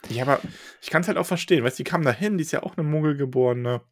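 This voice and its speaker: A man co-hosting a casual book-discussion podcast, relaxed and retelling scenes in quick asides. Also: a little high.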